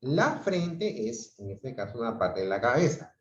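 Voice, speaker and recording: A man's voice: medium pitch, sing-song, measured pace. A man teaching an online grammar lesson, explaining patiently and often checking in with his students. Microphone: video call audio. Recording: roomy, dull lo-fi video call sound.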